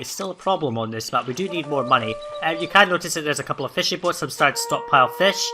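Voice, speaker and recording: Man, let's play host, gameplay commentary, relaxed, filler words, mid pitch, soft game music. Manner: thinking aloud, relaxed, many fillers.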